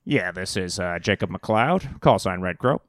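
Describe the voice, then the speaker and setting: A man's voice: deep voice, animated, a little slow, dry recording, studio quality. A man doing a trucker on a faint ham radio. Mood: calling in. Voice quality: formal radio-operator manner, ends turns with "over". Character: male trucker calling in over ham radio. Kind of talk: improvised comedy podcast.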